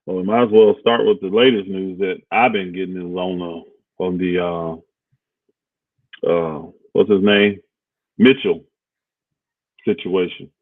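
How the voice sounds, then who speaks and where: A man's voice: low-pitched, fairly even intonation, measured pace, long pauses, dry recording. A man co-hosting a casual basketball talk stream, laid-back and rambling, thinking aloud with lots of fillers. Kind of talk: casual sports talk livestream. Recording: dry, phone-like audio.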